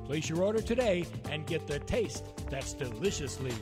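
A man's voice: fairly high pitch, animated, normal speed. A man reading a scripted promotional spot with the upbeat sales manner of a home shopping host. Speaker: advertisement announcer. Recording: music bed behind the voice.

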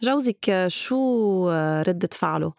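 A woman's voice: medium pitch, expressive, slow, gravelly, darkish tone, dry recording, clean studio sound. A woman with a Lebanese Levantine Arabic accent asks conversational questions as an interviewer.

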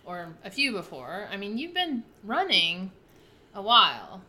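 Woman in her thirties, podcast host, casual, chatty, quick asides. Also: mid-range voice, wildly swooping pitch, a crowd in the background. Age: 30s. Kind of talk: casual interview chat.

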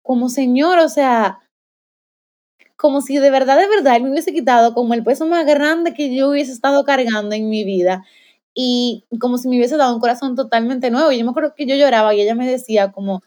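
A woman's voice: high-pitched, fairly quick, darkish tone. A young woman giving a heartfelt personal faith testimony in conversation, with many fillers and restarts. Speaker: guest sharing a faith testimony.

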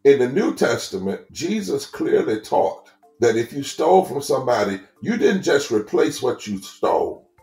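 A man's voice: mid-range voice, very animated, normal speed, creaky, hardly any pauses, darkish tone, echoey room, soft background music. A man speaking as a preacher and theologian, emphatic and preacherly, repeating phrases for effect. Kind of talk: sermon-like talk.

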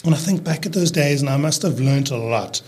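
A man's voice: mid-range voice, slightly rough. A South African man in his early fifties, a podcast guest talking casually about his work, with many restarts and fillers. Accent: South African, fading toward American. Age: 50s. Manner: halting, restarts a lot, fillers, relaxed. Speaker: podcast guest, landscaping business owner. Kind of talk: casual conversational interview.

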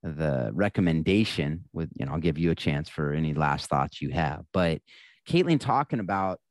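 Deep-voiced man co-hosting a podcast. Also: animated, normal speed, no room sound. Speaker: podcast co-host. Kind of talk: casual podcast chat.

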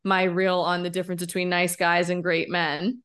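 A woman in her thirties co-hosting a podcast, talking in an emphatic, expressive, candid way and often tossing in a rhetorical "right?". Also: on the low side, normal speed, smooth. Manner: candid, occasionally swearing. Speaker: podcast co-host. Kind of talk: casual podcast conversation.

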